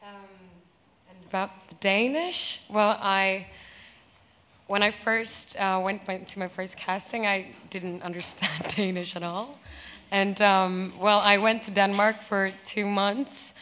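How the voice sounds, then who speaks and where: A woman's voice: medium pitch, fairly bright tone, slight background noise. A young woman from Sweden answers at a press conference into a table microphone, hesitant and laughing a little. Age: young adult. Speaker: actress on a press panel. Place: large press conference room.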